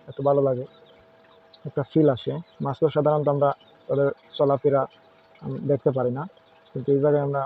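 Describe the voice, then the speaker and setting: Man with a tinny phone-like sound. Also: medium pitch. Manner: chatty, pointing and naming fish one by one. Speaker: aquarium hobbyist showing his fish. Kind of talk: casual home video walkthrough. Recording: phone-like lo-fi sound with faint noise.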